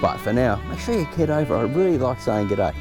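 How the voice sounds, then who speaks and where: A man's voice: medium pitch, very animated, brisk, music in the background. Easygoing man in his garden. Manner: chatty, easygoing, upbeat. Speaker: gardening channel host. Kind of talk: casual vlog chat. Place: outdoors in his vegetable garden.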